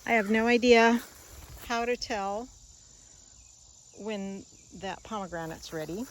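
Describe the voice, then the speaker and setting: A woman's voice: mid-range voice, slow. A woman chatting casually and unscripted as she walks around a garden, musing and trailing off as she shows what is there. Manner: musing, rambling, trailing off mid-thought. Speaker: gardening vlogger giving a garden tour. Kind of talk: casual chat, unscripted garden walk-through. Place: outdoors in a garden, walking about. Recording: outdoor ambience with insect noise. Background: faint crickets and insects.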